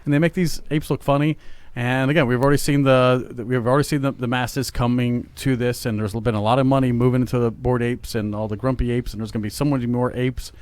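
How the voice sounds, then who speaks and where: A man's voice: medium pitch, steady tone, fast, darkish tone, clean tone, dry recording. Podcast co-host, male, forties, rambling casual talker, dry studio sound. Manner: rambling, many fillers and restarts. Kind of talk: casual chat.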